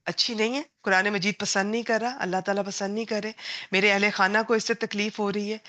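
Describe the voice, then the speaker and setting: A woman teaching a Quran lesson to women, gentle and earnest as she gives advice. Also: mid-range voice, steady tone.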